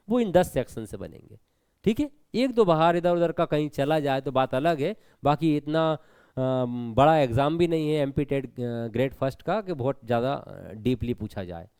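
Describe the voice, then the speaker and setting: A man's voice: fairly high pitch, darkish tone, clear, resonant tone, no echo. Man teaching an exam prep lesson. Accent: Hindi. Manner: explanatory, repeats points, asks students questions.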